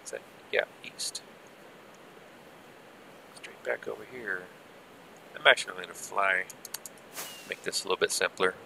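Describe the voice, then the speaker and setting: Low-pitched gravelly man, low-quality stream audio. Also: bright, forceful tone, slight background noise. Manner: rambling, easygoing, with muttered asides. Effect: low-quality stream audio from an old headset. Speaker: game server streamer. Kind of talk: casual live gameplay commentary. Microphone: old headset.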